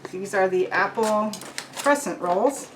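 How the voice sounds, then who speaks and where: A woman's voice: medium pitch, takes it slowly, far from the mic. A woman hosting a casual home cooking vlog, chatting to viewers about the food she made. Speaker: cooking channel host. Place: home kitchen and dining table. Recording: echoey room with clear background noise.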